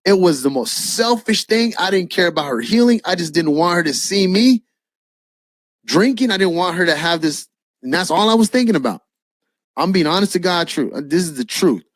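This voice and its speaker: A man preaching his own testimony as a lively storyteller, acting out the dialogue and dropping a casual "man" now and then. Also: sits high, normal speed, no room sound, clean studio sound. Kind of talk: spoken personal testimony.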